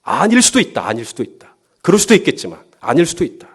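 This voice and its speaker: A male pastor preaching a sermon, lively, firing rhetorical questions at the congregation and acting out quotes. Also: a little high, fast, slightly rough.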